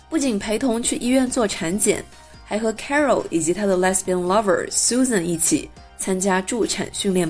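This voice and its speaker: A young woman hosting a bilingual English lesson, slowly and carefully modelling pronunciation and explaining phrases. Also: mid-range voice, a little mellow. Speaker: English teacher and podcast host.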